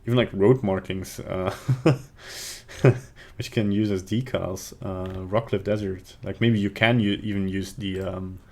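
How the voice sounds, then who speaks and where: A young livestreaming 3D artist from Belgium, who has a Belgian accent, talks unhurriedly through a casual tutorial with his chat at his home desk, rambling, thinking aloud and muttering while he works. His voice is low with fairly even intonation, and faint keyboard sounds can be heard.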